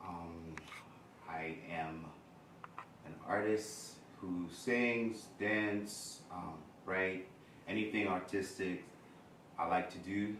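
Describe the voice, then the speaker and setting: A very deep male voice, unhurried and thoughtful, with many pauses. He is from Congo and sounds far from the mic in an echoey room, with noise behind him. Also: fairly even intonation, fairly bright tone. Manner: slow and reflective, with many pauses and fillers. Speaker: guest performer. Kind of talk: casual self-introduction. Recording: distant roomy recording with noise.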